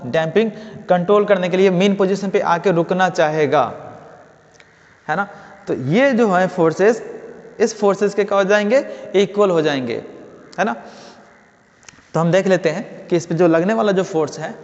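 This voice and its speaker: A man teaches physics in a fairly high voice, keeps posing questions and answering them himself. The sound is dull and lo-fi, with a long reverb trailing behind him. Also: normal speed, pauses often. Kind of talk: classroom lecture.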